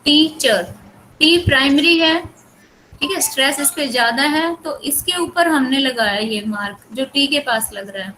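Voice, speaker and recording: A young Indian woman, a native Hindi speaker, teaching an English class with an Indian accent. She reads English passages slowly and then explains them. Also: sits high, sharp tone, slight background noise, low-quality recording. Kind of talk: bilingual classroom lecture.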